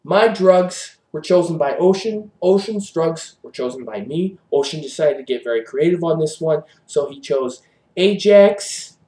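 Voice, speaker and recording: A man hosting an improvised comedy review show, rambling deadpan with fillers. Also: fairly high pitch, measured pace, roomy sound.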